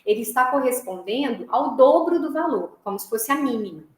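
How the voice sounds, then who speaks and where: Brazilian female music teacher, a bit high-pitched, explains step by step and chants beats; reverberant room sound. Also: expressive, a little fast. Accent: Brazilian Portuguese. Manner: explanatory, tags phrases with "né?" and "tá?"; chants rhythm syllables to demonstrate beats. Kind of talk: online music lesson.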